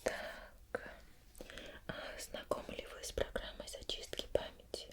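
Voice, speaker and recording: Slow, soft questions come from a woman acting as an interviewer in an ASMR roleplay, delivered formally and deliberately with frequent pauses.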